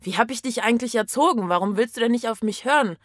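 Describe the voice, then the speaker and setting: A woman's voice: medium pitch, expressive, normal speed, dry recording, studio quality, close to an everyday voice. A woman voicing a pushy middle-aged mother who nags and scolds her daughter in a story reading. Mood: scolding. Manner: nagging, exasperated, insistent.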